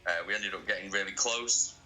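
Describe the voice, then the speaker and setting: A man in a band being interviewed, talking casually, excitable and sweary, laughing often. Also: low-pitched, fairly quick, low-quality recording.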